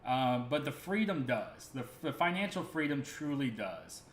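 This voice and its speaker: A man's voice: mid-range voice, very animated, moderate pace, slight background noise. A man hosting a crypto livestream, talking casually and earnestly, rambling with many fillers and restarts. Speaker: crypto stream host. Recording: echoey room with faint ambience.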